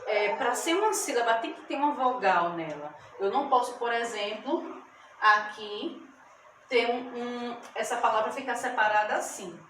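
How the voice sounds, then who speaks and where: A woman's voice: a little high, expressive, a bit bright. A woman teacher giving a lesson to children, stretching out words syllable by syllable and often checking that they follow. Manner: slow, drawn-out syllables, checks in with "tá bom?". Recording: echoey room, mic at a distance, background noise.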